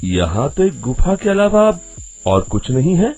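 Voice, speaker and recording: A man's voice: fairly high pitch, sing-song, unhurried, darkish tone, full character voice. A man voicing a naive, easily frightened village cart driver in a cartoon, full of exclamations. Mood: bashful, eager.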